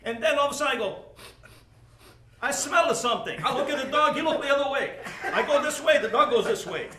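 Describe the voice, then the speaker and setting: A man's voice: very high-pitched, lively intonation, a little fast, roomy sound, noisy background. A man playing a talkative older accordion player who tells comic stories in broken English. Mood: joking. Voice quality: broken English, chuckling storyteller. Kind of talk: comic monologue.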